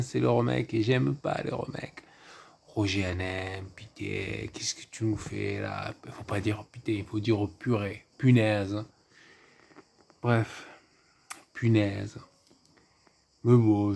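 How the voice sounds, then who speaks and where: A man's voice: on the low side, vocal fry, dark tone. A man giving a casual, rambling film review, full of asides and fillers.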